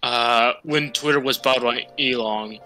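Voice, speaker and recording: Young dude, super bright sharp voice, goofy teasing crude jokes, game music faint behind. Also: male voice, mid-range voice, fairly even intonation, measured pace. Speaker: let's play co-host. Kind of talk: casual gaming chat.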